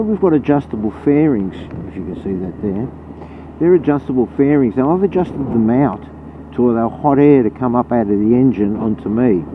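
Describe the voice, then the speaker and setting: An Australian man giving a casual, rambling, blunt running commentary, his voice muffled inside a helmet as he rides a motorcycle. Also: medium pitch. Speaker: motorcycle vlogger. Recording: muffled narrow-band helmet audio, loud road noise. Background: loud engine, wind and road noise.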